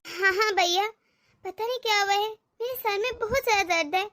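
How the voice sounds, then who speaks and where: A gentle, sorrowful young widow in an animated story, voiced by a woman, speaking meekly and blaming herself. Her voice is very high and bright, with a tearful softness. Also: fairly quick. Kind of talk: animated cartoon voice acting.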